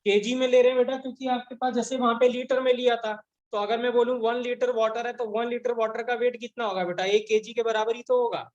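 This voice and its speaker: A man teaching a chemistry class in Hindi mixed with Indian English, dictating definitions slowly and repeating each phrase for his students. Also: very high-pitched, flat delivery, lo-fi sound. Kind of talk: classroom lecture dictating notes.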